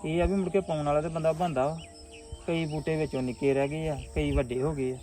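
Man acting mellow, musing Punjabi farmer. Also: on the high side, fairly even intonation, fairly quick, soft background music, lightly acted. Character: matter-of-fact village farmer mulling over his crop. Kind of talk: amateur Punjabi family web drama.

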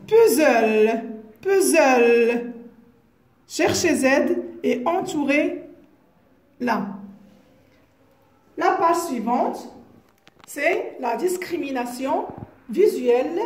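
A woman teaching a phonics lesson to young pupils, speaking slowly and deliberately, repeating each word and spelling out its syllables. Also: sits high, darkish tone, echoey room. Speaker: kindergarten teacher.

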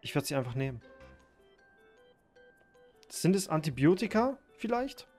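Excitable man narrating his gameplay. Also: fairly high pitch, measured pace, soft background music. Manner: excitable, swearing, thinking aloud, sudden loud outbursts. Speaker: gaming YouTuber. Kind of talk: live gameplay commentary.

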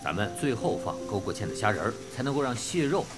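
Coaxing middle-aged father, lowish, expressive. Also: quick pace, over loud music. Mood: insistent. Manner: coaxing, insistent. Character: earnest, placating middle-aged father and cook. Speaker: actor in a TV drama. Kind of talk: Chinese TV drama acting.

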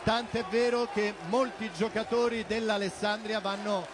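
A man commentating live on a football shootout in an excited, dramatic, breathless manner. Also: high-pitched, moderate pace. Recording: stadium broadcast with loud crowd noise. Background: football stadium crowd.

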